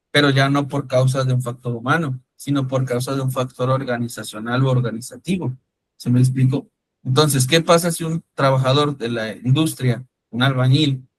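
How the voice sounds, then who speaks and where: A man's voice: mid-range voice, poor audio. A man teaching a class, talking conversationally, calling on students by name and checking whether they follow. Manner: conversational, calls on students by name, frequent "¿sí me explico?". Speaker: instructor. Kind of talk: online-style class lecture with questions to students.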